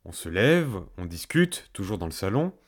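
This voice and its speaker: A man's voice: low voice, sing-song, moderate pace, breathy edge. A young man narrating a first-person story in a fireside storytelling style, with a colloquial, self-mocking comic touch. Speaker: host and storyteller.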